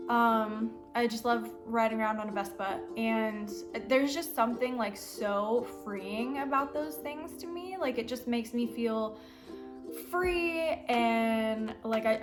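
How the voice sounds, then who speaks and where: A young American woman, a worship pastor and singer, answering questions in a casual vlog with a rambling, chatty manner full of "like" and "um.". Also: fairly high pitch. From United States.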